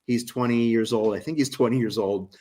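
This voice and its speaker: A man's voice: medium pitch, fairly even intonation, brisk, a little mellow. Enthusiastic man in his forties. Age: 40s. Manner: enthusiastic, promotional. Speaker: podcast guest. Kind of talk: casual chat.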